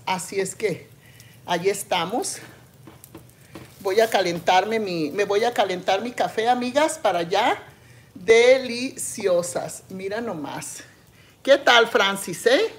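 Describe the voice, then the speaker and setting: A middle-aged woman, chatting casually with her viewers as she cooks in her home kitchen, often drifting into soft asides. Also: mid-range voice, a little hiss or hum. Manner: chatty, addresses viewers as friends, often trails into quiet asides. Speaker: cooking channel host. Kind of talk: casual cooking vlog chat. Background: food sizzling in a pan.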